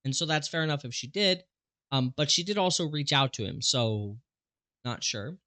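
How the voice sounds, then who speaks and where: Bright-voiced male host, casual and dry. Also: a little high, lively intonation, normal speed, no room sound. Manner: conversational, frequent fillers and restarts. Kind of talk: casual commentary on a presentation.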